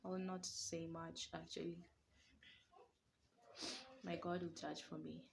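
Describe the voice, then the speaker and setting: A woman's voice: lowish voice, level tone, unhurried, gravelly, a little hiss or hum, low-quality recording. A woman with a Kenyan accent, vlogging emotionally from a small single room, pleading and sometimes dropping to a whisper. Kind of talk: emotional personal vlog.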